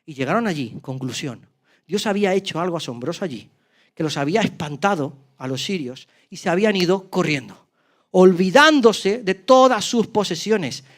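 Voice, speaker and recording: A male pastor tells a scripture story in church. His voice sits high and swings from loud, lively exclamations to sudden hushes. The delivery is dramatic and animated throughout. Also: moderate pace. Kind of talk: sermon storytelling.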